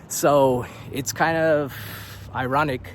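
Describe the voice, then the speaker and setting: A young man vlogs to camera in a loose, rambling way, dropping "dude" and swears and chuckling as he goes. He sounds a little out of breath, and his pitch sits in an ordinary middle range. A faint hiss of noise runs under the voice. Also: fairly even intonation, slow pace. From United States. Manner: casual and rambling, says "dude", swears, laughs between points. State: a bit out of breath. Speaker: vlogger living abroad. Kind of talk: casual talking-head vlog.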